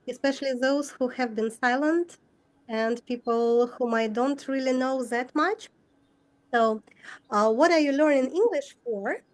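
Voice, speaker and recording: High-voiced woman hosting a workshop. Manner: direct, brisk questions to the audience. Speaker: workshop host.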